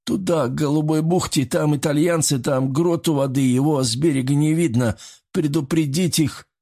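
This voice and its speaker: A man voicing a wounded male radio operator who explains things in a hurried, anxious way, in an audiobook. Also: a little high, steady tone, dark tone, pitched above the performer's own voice.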